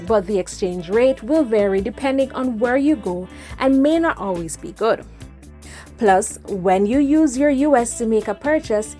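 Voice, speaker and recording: A woman's voice: medium pitch, warm tone. A woman narrating a scripted advice vlog in an upbeat, tidy, step-by-step manner. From Jamaica. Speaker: travel vlogger and host. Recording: voice-over with music behind.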